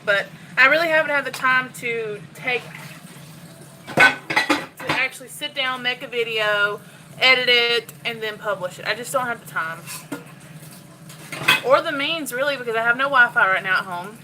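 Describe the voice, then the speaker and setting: A woman's voice: a little high, normal speed, long pauses, very noisy. A woman chatting candidly to her phone while cooking in her home kitchen. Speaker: cooking vlogger. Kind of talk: casual chat while cooking.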